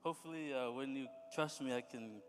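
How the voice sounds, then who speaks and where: Tearful young man speaking in a hall. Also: mid-range voice. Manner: halting, stops to clear throat and apologize. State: tearful, choking up. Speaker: graduating student giving a tribute. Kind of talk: emotional spoken tribute at a ceremony. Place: large church sanctuary. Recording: reverberant hall with faint music.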